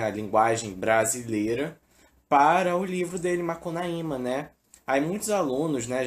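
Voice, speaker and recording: Male teacher, Brazilian accent, mid-pitched, casual delivery with frequent fillers. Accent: Brazilian Portuguese. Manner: casual, fills with "né" and "é". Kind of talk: informal recorded lesson.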